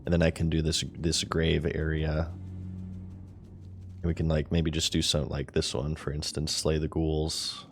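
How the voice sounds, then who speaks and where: Low-voiced man streaming a game. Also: completely flat delivery, normal speed. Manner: chatty, talks to chat while playing. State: hiccuping. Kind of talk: casual gameplay commentary.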